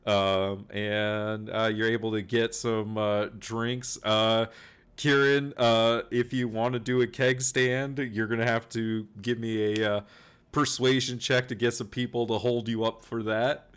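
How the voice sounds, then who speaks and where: A man's voice: lowish voice, little pitch movement, a little slow, fairly bright tone, clear, resonant tone. A man narrating as game master, chatty and laughing often.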